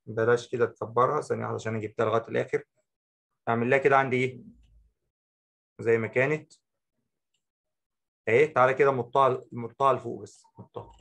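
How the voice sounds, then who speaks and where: A man with an Egyptian accent teaching a software tutorial, talking the viewer through each step and repeating short phrases. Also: mid-range voice, fairly even intonation, fast talker, gravelly, long pauses. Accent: Egyptian Arabic. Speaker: Photoshop instructor. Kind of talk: screen-recorded software tutorial.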